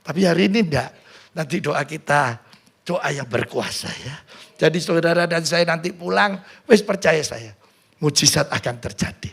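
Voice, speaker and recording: High, gravelly East Javanese pastor preaching. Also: male voice, moderate pace. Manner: animated, folksy, drops into a hushed voice to act out prayers. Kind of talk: sermon. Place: church service.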